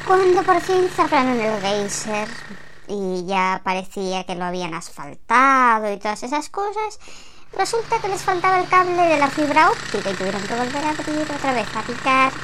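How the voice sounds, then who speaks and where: A woman from delivers a comic monologue in a high-pitched voice. She tells it in an exasperated, expressive way. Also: moderate pace, noisy background.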